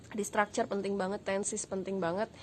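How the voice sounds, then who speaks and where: A woman from Indonesia talks through a casual language lesson in a chatty, joking way, slipping English words in as she goes. Her voice sits at a middle pitch, with a faint hum of noise in the recording. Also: a little mellow. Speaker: English tutor.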